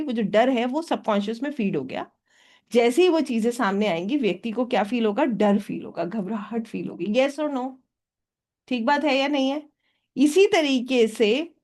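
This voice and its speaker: A high-pitched woman leads a hypnotherapy workshop in an engaged lecturing tone. She keeps turning to the audience with quick yes-or-no questions and slips English phrases into her explanations. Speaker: hypnotherapy teacher.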